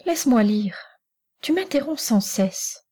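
A woman's voice: fairly high pitch, animated, a little slow, mellow. A woman reading the part of a stern but loving mother in an audiobook, speaking in a firm, curt way.

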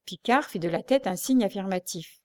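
A woman reading a classic novel aloud as narrator, steady and measured. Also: medium pitch.

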